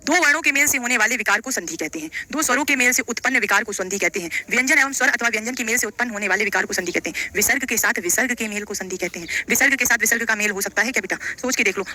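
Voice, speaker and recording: In a fairly high, sharp voice, a woman teaches a live online class on Hindi grammar for exam coaching. She explains quiz questions, repeats phrases, and asks her students questions.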